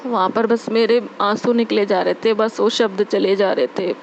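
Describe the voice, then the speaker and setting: A young woman telling a heartfelt spiritual testimony, earnest and repetitive, with many pauses and fillers. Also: mid-range voice, fairly even intonation, a little hiss or hum. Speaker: devotee sharing a testimony. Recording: dull lo-fi recording.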